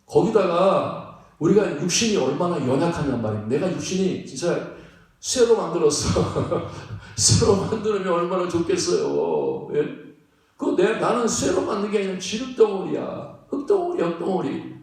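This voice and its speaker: High-voiced pastor preaching in an echoey church. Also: male voice, big pitch swings, normal speed, darkish tone. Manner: emphatic, conversational preaching with frequent rhetorical questions and laughs. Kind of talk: sermon. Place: church sanctuary. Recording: echoey church sanctuary, distant mic.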